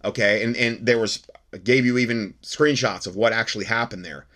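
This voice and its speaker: A man's voice: on the low side, brisk, fairly bright tone. An American man hosting an alert talk show, reading news reports and breaking into paranoid, conspiratorial rants. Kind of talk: reading news reports with off-the-cuff ranting commentary.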